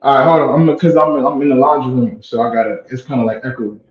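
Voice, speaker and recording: A male caller with a mid-range voice speaks in halting, filler-heavy bursts. He is calling from a laundry room, so everything he says echoes as if in a tunnel. The call sounds dull and lo-fi, and he seems far from the mic. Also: medium pitch. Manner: halting, full of fillers and repeated words. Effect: echoing as if in a tunnel. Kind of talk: casual call-in chat.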